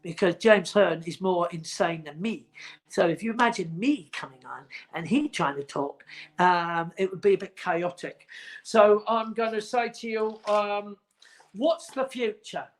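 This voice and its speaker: A man's voice: high voice, a little slow. A man in his forties hosting a casual livestream chat from home, rambling and teasing. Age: 40s. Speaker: host.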